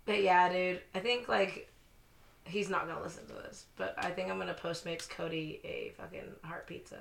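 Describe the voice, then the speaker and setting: A woman's voice: fairly low pitch, steady tone, normal speed, vocal fry. A woman chatting casually as a podcast co-host, using lots of slang and swearing. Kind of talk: casual chat. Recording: echoey room, faint noise, clicks.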